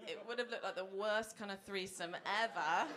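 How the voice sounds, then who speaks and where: A woman's voice: medium pitch, a bit bright. A woman in her thirties doing a chatty, self-mocking stand-up set, laughing through her own jokes on a comedy club stage. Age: 30s. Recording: noisy live club recording.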